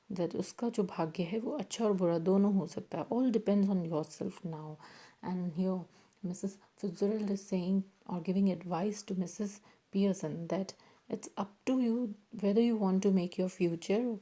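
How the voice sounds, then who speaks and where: Woman teacher, piercingly bright tone, patient line-by-line explainer. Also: mid-range voice. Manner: mixes Hindi and English, rephrases each line. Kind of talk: explaining a play script in class.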